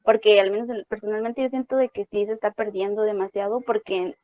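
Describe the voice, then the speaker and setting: A woman's voice: mid-range voice, steady tone, fairly quick, no room sound. A woman, a student asking an interview question while thinking aloud. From Guatemala. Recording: dull, dry lo-fi audio.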